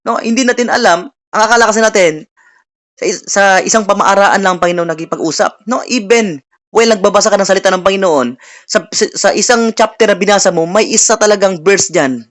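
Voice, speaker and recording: A preacher giving a sermon, switching between Tagalog and English, often checking in with listeners through tag questions and reading scripture slowly before explaining it. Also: medium pitch, a bit bright.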